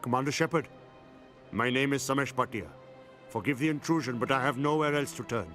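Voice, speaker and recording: A man's voice: mid-range voice, fairly quick, fairly bright tone, soft background music, natural voice. A man playing a humble, grieving widower who politely asks for help in a sci-fi video game. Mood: subdued, pleading.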